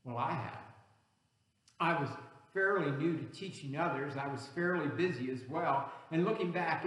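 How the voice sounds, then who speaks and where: A man's voice: on the high side, a bit bright. A male pastor, English as his second language, preaching an earnest sermon that builds emphasis on key words. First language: not English. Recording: echoey hall, reverberant room.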